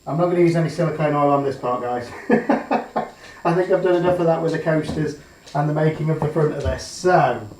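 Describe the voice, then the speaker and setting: Working through a resin pour, a man gives a casual tutorial, full of ums, musing aloud and changing his mind as he goes. He describes his plain, even voice as monotone; it sits on the high side and moves briskly. A built-in camera mic stands in for his broken usual one, picking him up from afar in an echoey room with a little hiss or hum.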